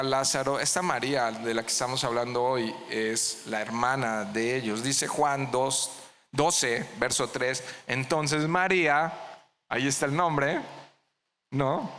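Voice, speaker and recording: A man's voice: medium pitch, a bit bright, in a large hall, a little hiss or hum. A man preaching a verse-by-verse sermon as pastor, putting questions to the congregation and answering them himself. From Mexico. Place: church hall.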